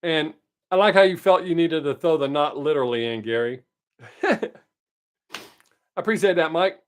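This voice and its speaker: A man in his fifties whose voice runs on the high side talks at a normal speed while hosting a casual livestream. Upbeat, he answers live viewers by name.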